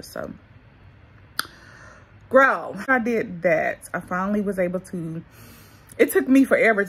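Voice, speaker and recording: Chatty woman vlogger, husky low voice. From North Carolina, USA. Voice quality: talks with retainers in, slightly muffled. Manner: chatty, addresses viewers as y'all and girl. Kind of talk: casual vlog chat.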